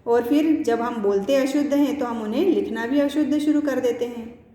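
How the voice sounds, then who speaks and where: Woman teacher with a high voice. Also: mellow. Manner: explanatory, frequent "है ना" and "ठीक है" check-ins; stretches words slowly to show correct pronunciation. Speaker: school teacher. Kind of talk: Hindi grammar lesson. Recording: echoey room with long reverb.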